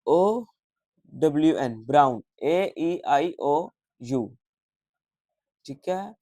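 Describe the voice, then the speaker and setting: Man, teacher, slightly high voice, very unhurried, spells words out letter by letter, dry close sound. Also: animated, warm tone, no echo. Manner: repeats English lines then translates them. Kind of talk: explaining a textbook exercise.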